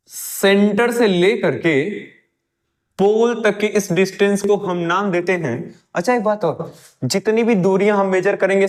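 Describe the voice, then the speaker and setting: Slow, playful male science teacher. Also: sits high. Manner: playful, talks to light rays as if they were people; coaxing, repeats words in quick runs. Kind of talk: animated classroom lecture.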